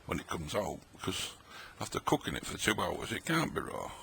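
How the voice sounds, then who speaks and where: In a deep, gravelly, bright and forceful voice with big pitch swings, a middle-aged man talks fairly quickly while sampling old tinned food at his table late at night. He's chatty, rambling and jokey, eating as he speaks in casual vlog fashion, with slight background noise.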